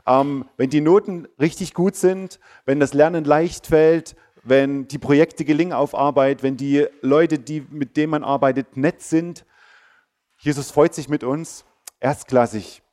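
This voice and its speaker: A man preaching to schoolchildren, telling the story in an animated way, bursting out loud in places and dropping to a soft, quiet voice in others. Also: medium pitch. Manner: animated storytelling, acting out the disciples with sudden loud outbursts; drops to a soft, quiet voice for reassurance. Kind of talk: lively sermon for schoolchildren.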